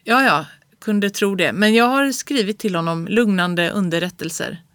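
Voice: medium pitch, fairly bright tone, no room sound, clean studio sound, close to an everyday voice. A reader voicing a hesitant, anxious professor. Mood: uneasy. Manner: hesitant, halting speech. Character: anxious male professor, middle-aged husband. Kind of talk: audiobook reading of classic prose.

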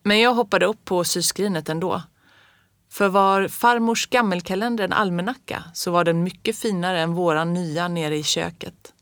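Audiobook reader, children's story told as a child, calm, gentle, mid pitch, dry close recording. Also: no echo. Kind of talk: storybook narration in the first person of a child.

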